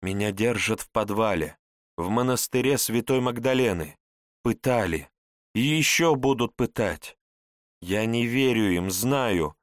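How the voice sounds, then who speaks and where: A man's voice: lowish voice, lively intonation, a little slow, no echo, studio quality. A man voicing a tormented young witch woman who begs desperately for help, read in an audiobook. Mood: desperate pleading. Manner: desperate, begging.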